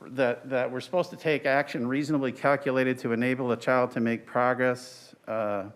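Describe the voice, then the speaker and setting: An older attorney argues an appeal in a large courtroom, speaking into a lectern microphone through a face mask. His medium-pitched, level voice is halting and deliberate, with stretched pauses.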